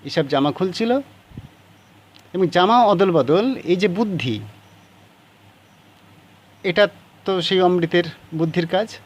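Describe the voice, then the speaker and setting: A man's voice: sits high, animated, slow pace, pauses often, dull audio. A man teaching a class, reading passages of a story aloud and explaining how to write the answers.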